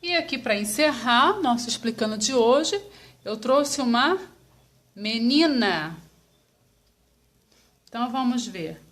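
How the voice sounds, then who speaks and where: A woman teacher with a Brazilian Portuguese accent, giving a slow lesson to young children and sounding out each syllable patiently. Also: on the high side, expressive, fairly bright tone.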